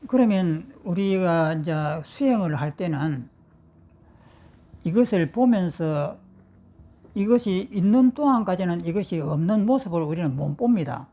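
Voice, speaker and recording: Mellow low-voiced woman giving dharma talk. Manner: patient, explanatory, acts out inner voices. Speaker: Buddhist monastic teacher. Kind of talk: dharma lecture. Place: meditation hall.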